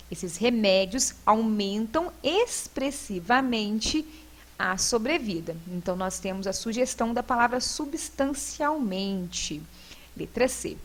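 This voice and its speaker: Speaking in a slightly high voice, a woman with a Brazilian Portuguese accent reviews homework answers in a recorded class. She is patient, works through each point step by step, and frequently adds "né".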